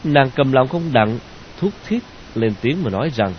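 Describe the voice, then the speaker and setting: A man narrating a novel in a slow, measured way. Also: mid-range voice, expressive. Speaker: audiobook narrator. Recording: dull lo-fi audio with hiss.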